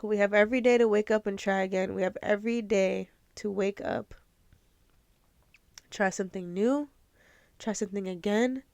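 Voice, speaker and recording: The young host of her own podcast speaks with a medium-pitched, steady, slightly mellow voice that is creaky, at a moderate pace with long pauses. Her casual motivational talk is earnest and emotional, sometimes near tears, with no echo.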